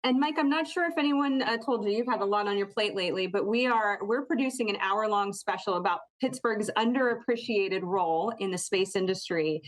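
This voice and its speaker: A woman's voice: medium pitch, a little fast, few pauses, poor audio. An American woman conducting a conversational broadcast interview as a local TV journalist.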